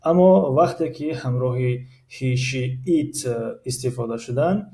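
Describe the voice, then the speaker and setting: Tajik guy teaching english grammar, gravelly low-key voice, reads the english examples real slow w lots of uhs. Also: dark tone. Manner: slow, careful reading of English example sentences with many hesitation sounds. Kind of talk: grammar lesson explaining in Tajik.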